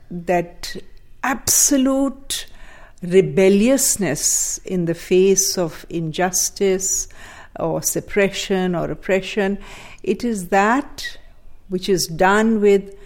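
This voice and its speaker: An older woman from Pakistan, a guest speaking thoughtfully in conversation, with fillers and soft laughs. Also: medium pitch. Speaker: guest, daughter of a poet. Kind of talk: reflective conversation.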